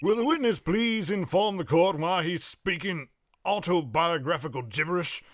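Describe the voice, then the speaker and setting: A man's voice: high voice, moderate pace, dry recording, natural voice. A man voicing a stern, pompous judge from a video game, with formal, proclaiming delivery. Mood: indignant. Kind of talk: video game voice-over read aloud.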